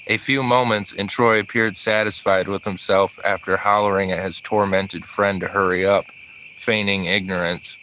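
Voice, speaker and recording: A man narrating an audiobook in a steady, even reading voice. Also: low voice, normal speed, background noise. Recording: crickets and insects in the background.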